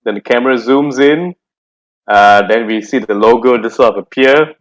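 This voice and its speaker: A man's voice: medium pitch, normal speed, low-quality recording. A man acting as game master, narrating a tabletop game casually with lots of restarts and laughter. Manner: rambling, restarts, frequent laughs.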